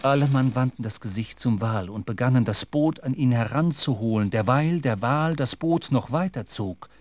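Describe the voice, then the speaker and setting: Measured male radio drama narrator. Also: medium pitch, darkish tone. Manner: measured, literary storytelling.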